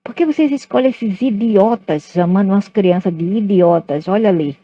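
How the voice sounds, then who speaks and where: A woman's voice: mid-range voice, moderate pace, natural voice. A woman putting on the voice of a contemptuous old male school principal, in a dull lo-fi recording. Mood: scornful. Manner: contemptuous, insulting.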